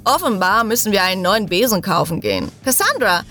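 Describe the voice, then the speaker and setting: A woman's voice: mid-range voice, big pitch swings, a little fast, bright, forceful tone, soft background music. Woman as a cheerful young male superhero, playful and upbeat, storybook. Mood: enthusiastic.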